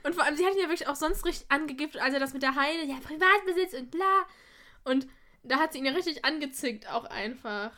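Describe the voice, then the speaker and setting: A woman chatting casually as a podcast co-host, her voice pitched high and sounding bright and light. She recaps scenes loosely and keeps slipping into little acted quotes. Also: quick pace. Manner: retells scenes with acted quotes and frequent laughter. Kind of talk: casual chat recapping an episode.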